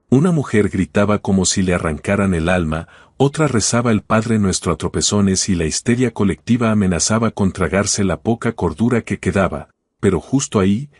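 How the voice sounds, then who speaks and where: A man's voice: deep voice, darkish tone, slightly rough, dry recording. A man with a Mexican Spanish accent narrating a dramatic story in a vivid, slangy first-person way.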